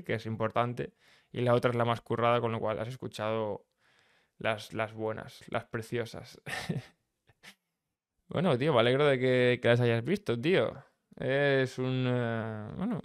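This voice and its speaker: Young man, relaxed streamer banter, chuckling and self-deprecating, smooth voice, mid pitch. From Menorca, Spain. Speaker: streamer reacting to a song. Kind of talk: casual live reaction chat.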